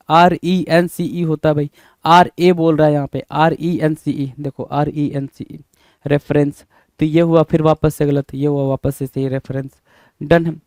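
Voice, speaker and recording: A man with a Hindi accent runs a spelling lesson. He spells each word out letter by letter and repeats it over and over. His voice sits a little high and sounds dry and close to the mic, with no room echo. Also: a little mellow. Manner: spells words letter by letter, repeats words, says 'bhai' often. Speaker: English teacher. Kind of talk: spelling lesson, explaining answers.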